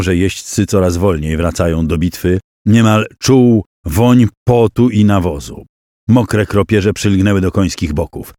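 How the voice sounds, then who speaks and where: A man narrating a historical audiobook in a dramatic storytelling style, voicing the characters' shouts and cries along the way. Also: on the low side, no echo, clean studio sound.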